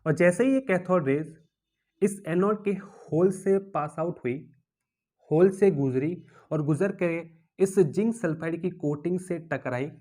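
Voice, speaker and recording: A man with an Indian accent teaching physics in a classroom lecture, repeating key terms as questions to the class and acting out objects as characters in playful stories. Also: high voice. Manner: animated, acts out objects as characters.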